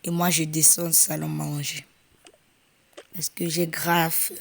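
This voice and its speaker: Woman chatting slow over her pretend story, low gravelly voice, faint hiss behind. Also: little pitch movement. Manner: chatty, playful. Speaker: video creator. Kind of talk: role-play narration.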